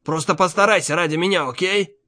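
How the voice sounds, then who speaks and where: A man voicing a worried father who gently coaxes his young daughter. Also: high-pitched, a little fast, pitched above the performer's own voice. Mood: coaxing. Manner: gentle, coaxing.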